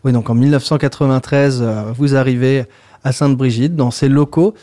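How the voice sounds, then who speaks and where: A man hosting a radio interview, introducing guests and asking halting questions with many fillers. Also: medium pitch, steady tone, mellow, dry recording. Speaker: radio host.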